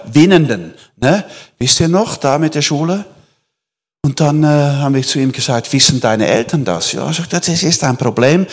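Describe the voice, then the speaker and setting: Animated male preacher, lively swings. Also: mid-range voice, breathy edge. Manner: animated, swings between loud emphasis and near-whispers. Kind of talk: sermon.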